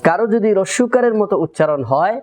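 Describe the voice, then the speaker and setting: A man teaching Quran pronunciation in a methodical tajweed lesson, repeating syllables deliberately for learners to copy. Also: sits high, animated, darkish tone. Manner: drills letter sounds, repeats syllables deliberately.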